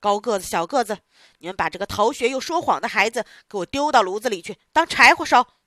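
A woman voicing a scary, gruff, bearded male theatre boss in a storybook reading, talking lower and commanding. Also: expressive, normal speed, no room sound, studio quality, close to an everyday voice.

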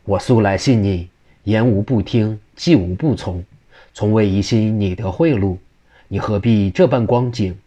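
Man reading as a shrewd old-time official, low voice, weighing every word. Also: mellow, dull audio. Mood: puzzled. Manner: measured, deliberating. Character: calculating older male imperial official.

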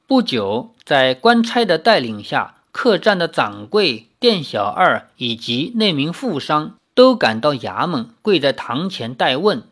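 An expressive reader telling a martial-arts novel with lively, swinging intonation. The narration moves up and down freely in pitch, in a storytelling manner. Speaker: audiobook reader.

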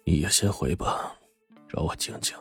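Man doing worn-out old uncle in his 60s, quiet husky low voice. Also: fairly even intonation, moderate pace, soft background music. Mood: weary. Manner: soft, tired, strained. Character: old ailing uncle in his sixties, weary and proud.

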